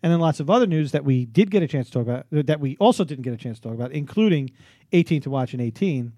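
Higher-voiced man hosting radio. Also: expressive, fast talker, warm tone, no echo. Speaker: radio show host. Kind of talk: loose, bantering radio show talk.

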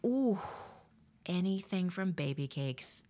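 A woman guest chatting in an interview, telling stories in an animated way, with lots of fillers and laughter. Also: fairly low pitch, takes it slowly. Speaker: guest, poet. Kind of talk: casual interview chat.

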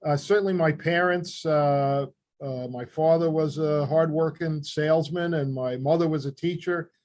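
Older queens guy answering interview questions, bit high pitched, measured and explanatory, new york accent. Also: darkish tone. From Queens, New York City, USA. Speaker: interview guest, former newspaper reporter and author.

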